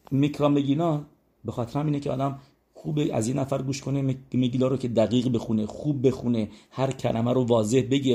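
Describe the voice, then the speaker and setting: A man's voice: medium pitch, dark tone. A man teaching a religious lesson, working through number sums aloud and asking his listeners whether they follow. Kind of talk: explaining religious law and numerology.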